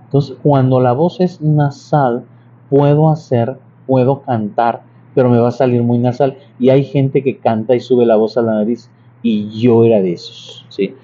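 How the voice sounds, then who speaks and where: Warm and steady, this medium-pitched man speaks at a measured pace while leading a relaxed singing lesson as a church music teacher. Patient explanations, frequent restarts, plenty of examples, and sung demonstrations fill the clip, whose sound is dull, a bit lo-fi, and faintly noisy.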